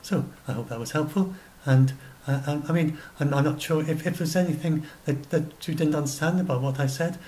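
This science blogger in his sixties has a mellow voice on the high side and talks fairly quickly, with hardly any pauses. Sitting alone at his desk in a small room at home, he rambles through his notes and keeps correcting himself as a webcam records.

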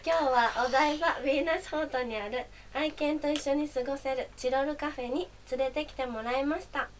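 A woman's voice: high-pitched, fairly even intonation, a little fast, far from the mic, a little hiss or hum, close to an everyday voice. A young woman voicing a cheerful female pet dog in a bouncy, sing-song way. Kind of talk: first-person dog role-play.

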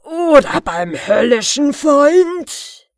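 A woman's voice: a little high, animated, very slow, darkish tone, dry recording, clean studio sound, pitched above the performer's own voice. A woman voicing a cruel, mocking tyrant king who bellows his orders. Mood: furious. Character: cruel loud-mouthed male tyrant king.

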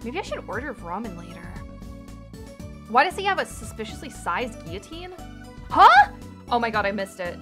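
An excitable young woman streaming a game, her high voice swooping all over as she reacts. She talks in bursts and laughs often, with game music playing in the background. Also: normal speed, long pauses.

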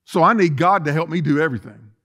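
A man's voice: on the high side, quick pace, fairly bright tone. A middle-aged man preaching a sermon as pastor, emphatic and full of rhetorical questions and repetition, recorded in a church sanctuary. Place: church sanctuary, empty chairs.

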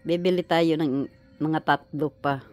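A woman with a Filipino accent chatting slowly and warmly to her pet chickens outdoors, coaxing them and laughing, recorded on a handheld phone. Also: low voice, steady tone, soft background music. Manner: slow, chatty, laughing, coaxing baby talk. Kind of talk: casual chat to pets and camera. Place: outdoors on a patio lawn. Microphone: handheld phone pointed down.

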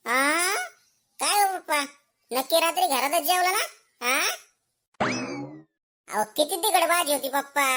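Sex: woman. Figure: a woman voicing a lazy schoolboy who talks back. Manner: whiny and sly, high and piercing. Style: comedy sketch. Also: a bit bright. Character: lazy cheeky schoolboy, fakes illness. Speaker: main character.

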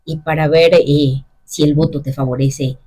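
A woman's voice: low voice, fairly even intonation, a little slow, warm tone, slightly rough. Breezy Mexican woman co-hosting radio. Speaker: radio co-host. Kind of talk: casual show chat.

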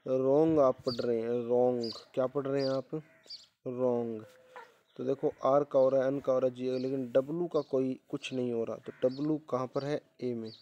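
A man's voice: mid-range voice, fairly even intonation, fairly quick, hardly any pauses, warm tone, muffled recording, a little hiss or hum. A male teacher going through an exam paper, repeating questions back to his students and spelling words out letter by letter. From India.

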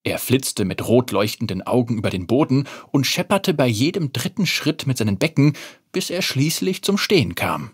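Brief: storybook narrator, lively and animated, slightly husky, close and dry sound. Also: mid-range voice, normal speed, dry recording.

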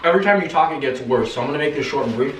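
A young man hosts casually from a kitchen, talking in a dramatic, exclamatory way. His fairly high voice swings widely in pitch and is picked up from a distance in an echoey room. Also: expressive, rapid-fire, a bit bright. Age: young adult. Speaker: challenge video host. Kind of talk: casual chat to camera. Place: home kitchen. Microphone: camera a few metres away. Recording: roomy, distant mic, noisy.

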